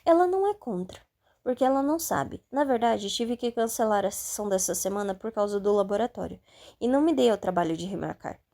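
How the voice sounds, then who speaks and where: A woman reading a first-person audiobook in a calm, steady way. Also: mid-range voice, fairly quick. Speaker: audiobook narrator.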